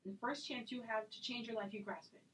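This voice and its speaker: Actress as fast-talking, hurt, indignant woman friend. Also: a little high, steady tone, a bit bright, a little hiss or hum, close to an everyday voice, rough recording. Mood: hurt, accusing. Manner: accusatory, intense, rapid-fire. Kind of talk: self-taped dramatic acting scene.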